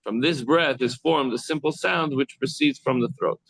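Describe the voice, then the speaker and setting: A medium-pitched, slightly bright male voice teaches a text class in the role of a rabbi. He reads lines aloud, explains them slowly, and pauses to demonstrate sounds or speak with students present. There's no room sound, and the recording is rough.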